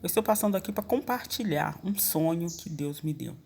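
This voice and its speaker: A woman's voice: fairly low pitch, animated, a little fast, vocal fry, darkish tone, slightly rough. A Brazilian woman preacher sharing a dream as a testimony, in an earnest storytelling manner with many fillers and restarts. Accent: Brazilian Portuguese. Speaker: evangelical preacher.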